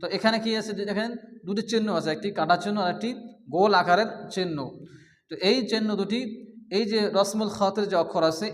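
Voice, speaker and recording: High-voiced man teaching in a long echo. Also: fairly bright tone. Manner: patient, explains and then asks the class questions. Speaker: Quran reading teacher. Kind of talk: step-by-step blackboard lesson.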